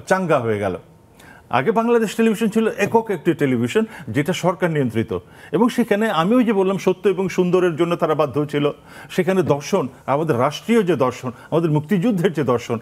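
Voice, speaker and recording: A middle-aged man, a guest on a studio talk show, speaking in an animated storytelling way. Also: a little high. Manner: animated, storytelling with quoted voices. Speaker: guest, documentary maker and actor. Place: television studio.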